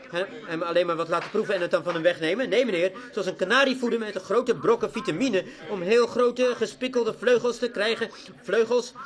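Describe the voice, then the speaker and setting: High-voiced man preaching a fervent sermon. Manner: fervent, swinging between loud exclamations and hushed pleas.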